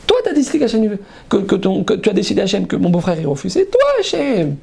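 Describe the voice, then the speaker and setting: A man with a notably high voice delivers a fervent sermon as a rabbi. He repeats his phrases for emphasis and calls out often to his audience. His delivery sweeps from loud, soaring exclamations down to low, murmured asides. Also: animated, racing, creaky, slightly rough. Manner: emphatic and repetitive, often calling out to listeners. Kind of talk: impassioned sermon.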